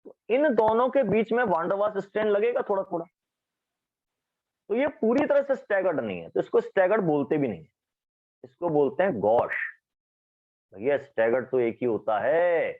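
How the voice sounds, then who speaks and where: A man teaching chemistry in a classroom lecture, lively, often asking students questions. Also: fairly high pitch, brisk, phone-quality sound.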